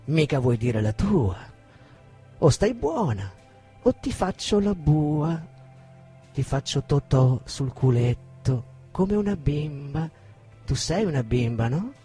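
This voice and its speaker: A man's voice: fairly high pitch, big pitch swings, a little slow, long pauses, soft background music. An actor playing a raging abusive man. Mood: cold, menacing. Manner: swings from shouting insults to cold menace. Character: abusive aggressive man berating a woman. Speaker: actor reading a monologue. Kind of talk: dramatic reading.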